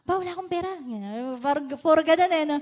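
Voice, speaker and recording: A woman's voice: very high-pitched, expressive, fast. A woman pastor with a Filipino accent, giving a sermon in a chatty, playful style and teasing the congregation. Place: church service.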